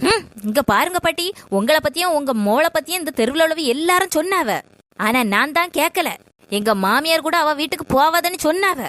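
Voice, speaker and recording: A woman playing an earnest, quick-tempered young daughter-in-law in a comedy skit. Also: high-pitched, lively intonation, fairly bright tone, no room sound. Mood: angry. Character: young daughter-in-law, polite then fiery.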